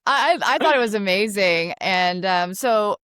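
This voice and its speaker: A woman's voice: mid-range voice, animated, measured pace, a bit bright, smooth, no room sound, clean studio sound. A woman host chatting casually in an interview, laughing often and leaning on fillers as she talks. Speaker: interviewer and actress.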